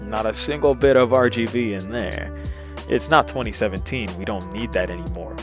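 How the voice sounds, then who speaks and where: A YouTuber in his twenties rambles casually and hesitantly into an old webcam, self-deprecating throughout. His voice is on the low side at a moderate pace, with music in the background.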